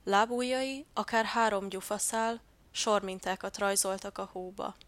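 Woman gently narrating a storybook. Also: mid-range voice, fairly even intonation, no echo.

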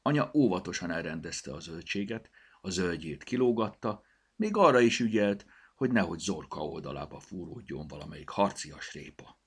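A man narrating a children's storybook chapter with an expressive, animated delivery. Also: low voice, breathy edge. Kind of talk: audiobook storytelling.

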